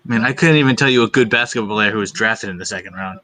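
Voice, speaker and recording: Bright voiced guy on a trivia pod, blunt, teasing his buddies. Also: fairly low pitch, quick pace. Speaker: trivia contestant. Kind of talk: casual chat.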